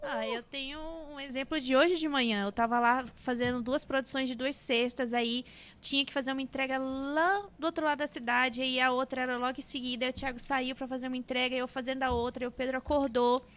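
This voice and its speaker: High, bright Brazilian mother telling stories. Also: brisk. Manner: animated storytelling, acting out what people said. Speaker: podcast co-host and mother. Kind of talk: casual podcast chat.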